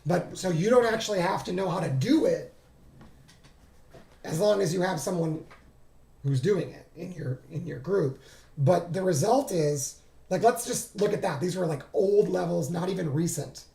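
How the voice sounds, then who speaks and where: His voice going, a man who streams trading sessions talks through his charts at a moderate pace during a casual screen-share, thinking out loud and repeatedly correcting himself. The sound is gravelly and fading, a bit high, with a mellow, darkish quality, and the room gives a clear echo.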